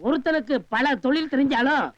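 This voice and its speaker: An actor playing a meek sidekick in a film comedy, giving quick agreeing replies. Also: male voice, very high voice, fairly bright tone, dry recording.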